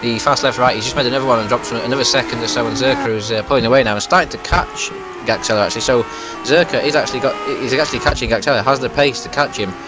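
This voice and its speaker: A man's voice: mid-range voice, rapid-fire, music in the background. A man giving live motorsport race commentary.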